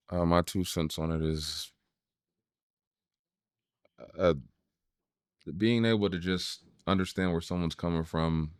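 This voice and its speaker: A man in his late thirties hosting a podcast, talking in a relaxed, reflective way and swearing casually. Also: a bass voice, clear, resonant tone, no echo, studio quality. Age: 30s. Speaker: podcast host.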